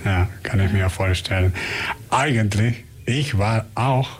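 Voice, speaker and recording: A man's voice: on the low side, measured pace. A man with a foreign accent, not a native German speaker, hosting a casual radio chat and often repeating and rephrasing his words. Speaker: radio host.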